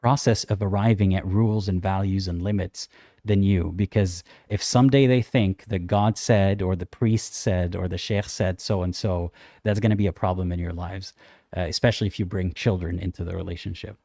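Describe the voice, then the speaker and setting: A young man co-hosting a casual livestream chat, reading out viewer comments and answering them in a thoughtful, measured way. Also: deep voice, fairly even intonation, vocal fry, dark tone, no echo, studio quality.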